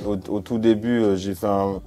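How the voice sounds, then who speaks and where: A man from Martinique, a music video director, chatting casually as a guest with many pauses and restarts. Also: lowish voice, steady tone, dark tone. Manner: hesitant, many fillers and restarts. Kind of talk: relaxed interview chat.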